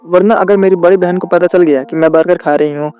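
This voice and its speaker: Pushy teasing teen girl, read out by a guy, high smooth voice, dull lo-fi sound, faint music. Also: steady tone, fairly quick, close to an everyday voice. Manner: teasing, demanding. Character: pushy playful teenage girl.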